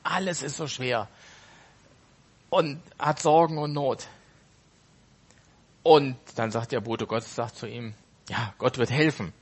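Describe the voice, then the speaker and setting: A man's voice: mid-range voice, slow pace, pauses often, husky. A man casually retelling a parable off the cuff, correcting himself as he goes. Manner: unscripted, with fillers and self-corrections.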